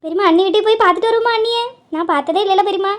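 A woman voicing a gentle young married niece who speaks softly and politely. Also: very high-pitched, racing. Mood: pleading.

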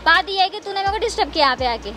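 A woman's voice: extremely high pitch, lively intonation, racing, pushed and bright, slight background noise. A young woman in a staged street prank, talking back sharply and defiantly.

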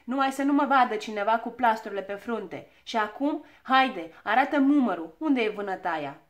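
A woman's voice: fairly high pitch, animated, natural voice. A woman voicing a fussy, vain little girl in a children's storybook reading, whiny and pouting.

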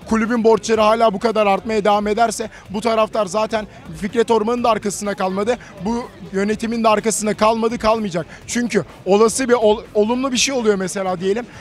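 A man, a football fan, arguing in long run-on points during a street interview outdoors. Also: high voice. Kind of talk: heated street interview debate.

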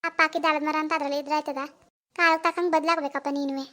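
A woman voicing a caring, middle-aged village mother in an animated cartoon, coaxing and scolding her daughter. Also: high voice, very fast.

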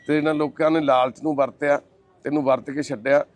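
A man's voice: fairly high pitch, little pitch movement, fairly quick. A man, hosting and comforting a troubled man, then speaking earnestly to the camera. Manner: warm, consoling and reassuring; earnest and pleading. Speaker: host helping a troubled man. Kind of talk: casual talk, then address to camera.

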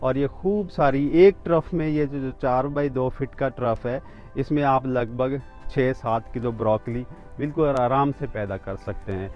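Walking an outdoor rooftop vegetable garden, a man in his fifties shows the camera each plant in a plain, steady way, restarting himself here and there. His voice sits at a medium pitch and moves at a measured pace. The audio is dull, with faint music in the background.

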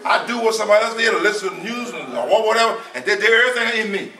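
A man in his seventies preaches an informal sermon in a small church hall, repeating his points emphatically in a conversational way. His high voice is pushed and bright with lively intonation and rapid-fire delivery, captured by a far camera in an echoey room.

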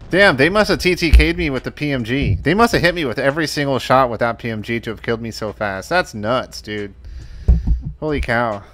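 A man commenting casually while he plays a game on a live stream. He gets excited easily, laughs often and swears casually. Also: mid-range voice, fairly quick, faint music behind.

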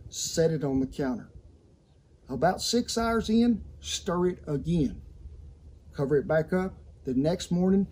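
A Southern American man in his sixties hosts a cooking tutorial from an outdoor patio kitchen in a yard, talking like a folksy, colorful cowboy storyteller. His voice is a little high with a dark tone, picked up by a lavalier clipped to his shirt, with slight background noise.

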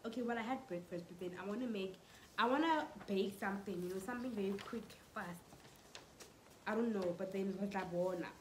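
A woman's voice: medium pitch, brisk, slight background noise, poor audio. A South African woman in her twenties, vlogging casually at home with a stuffy, fluey voice, talking to a phone camera held at arm's length. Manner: chatty, mixing in Setswana phrases. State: congested with flu. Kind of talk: casual vlog chat. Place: home living room and bedroom.

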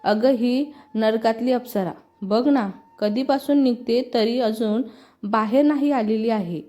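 An impatient young brother who loves to tease, calling his sister mocking names and yelling for her to hurry up, as a woman reading a storybook puts him on. The voice sits a little high and sounds mellow. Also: measured pace, lightly acted. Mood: teasing, impatient. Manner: shouting, mocking nicknames.

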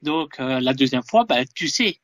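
A man being interviewed over a video call, talking hesitantly with frequent pauses. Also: medium pitch, expressive, a bit bright, no echo, studio quality. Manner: hesitant, many fillers and restarts. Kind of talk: casual interview.

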